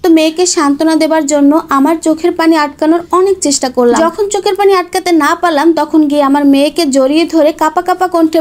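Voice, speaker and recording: A woman narrating a scripted first-person story with an emotional, plaintive delivery. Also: very high-pitched.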